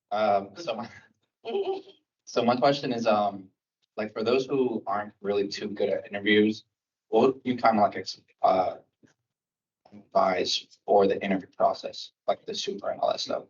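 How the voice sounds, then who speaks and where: Hesitant low-voiced man, far off. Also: steady tone, a little slow, long pauses. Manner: hesitant, many fillers. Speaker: audience member asking a question. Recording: distant, muffled room mic.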